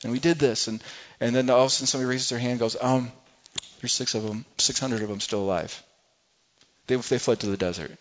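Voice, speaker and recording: A man's voice: mid-range voice, steady tone, fast, dull audio, slight background noise. A man preaching a sermon, retelling a scripture story dramatically and voicing the crowd in quotes, with many restarts.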